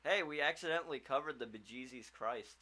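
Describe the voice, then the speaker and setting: A man's voice: mid-range voice, fairly quick, pushed and bright. An easygoing man co-hosting a casual chat with friends. He keeps the conversation moving, inviting others to talk and riffing along with them. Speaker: podcast co-host.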